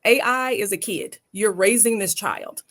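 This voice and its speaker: Southern woman on a panel, emphatic and folksy, medium pitch. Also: a little slow, fairly bright tone. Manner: emphatic, folksy, uses rhetorical "right?". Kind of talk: panel discussion.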